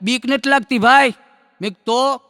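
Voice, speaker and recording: A man telling jokes on stage, in folksy storytelling that acts out characters in quick dialogue. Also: very high voice, vocal fry, bright, forceful tone, no echo, clean studio sound, long reverb tail. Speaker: stand-up comedian.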